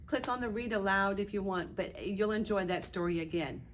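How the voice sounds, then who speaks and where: A woman teaching an online lesson for young children, talking gently and asking simple questions as she draws. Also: mid-range voice, slight background noise. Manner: gentle, slow, questioning while drawing.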